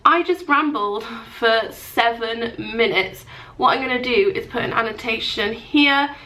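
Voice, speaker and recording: Woman, thirties, rambling chatty vlog talk, self-mocking, slightly high voice. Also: unhurried, sharp tone, low-quality recording. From England. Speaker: vlogger. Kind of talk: casual vlog chat. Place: hotel room, then outdoors in a city.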